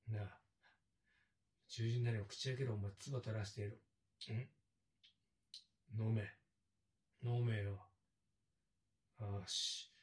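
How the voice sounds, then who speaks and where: A man's voice: fairly low pitch, a little mellow, distant mic. A man acting as a cruel, taunting male captor in an adult audio drama, with a coarse, sneering way of talking.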